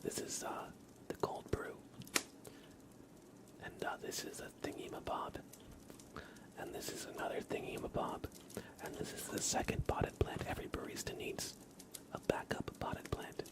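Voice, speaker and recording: A man hosts an ASMR livestream, whispering and speaking softly. He talks straight to his chat in a gentle, unhurried manner.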